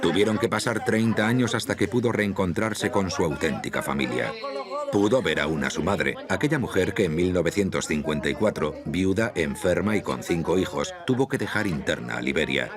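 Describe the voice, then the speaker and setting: A man reading a documentary narration in a measured, even way. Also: low voice, a crowd in the background. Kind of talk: scripted narration. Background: music.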